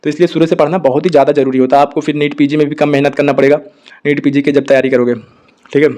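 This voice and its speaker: Fast-talking young man with flat delivery. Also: a little high. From India. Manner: talks fast in a flat tone, with constant "ठीक है" check-ins. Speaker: doctor giving study guidance. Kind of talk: casual advice talk to students.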